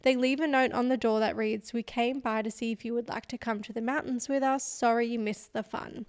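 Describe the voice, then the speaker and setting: A woman with a fairly high voice tells a true crime story on a podcast. Her narration is relaxed and chatty, and she breaks off now and then to tease her co-host. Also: a little fast, no room sound, studio quality. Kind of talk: casual storytelling chat.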